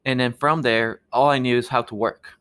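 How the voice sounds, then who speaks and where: Earnest Peruvian-born man, halting speech. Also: mid-range voice, fairly even intonation, a bit bright, clean tone. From Peru. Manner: earnest, halting with many restarts. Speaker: guest, architect. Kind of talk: podcast interview.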